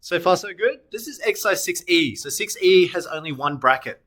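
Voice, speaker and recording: A man's voice: high voice, animated, fairly quick, fairly bright tone. Man talking through a maths lesson. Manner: talks students through steps, asks and answers own questions; self-correcting while sketching on screen. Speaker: maths teacher. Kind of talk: recorded maths lesson walkthrough.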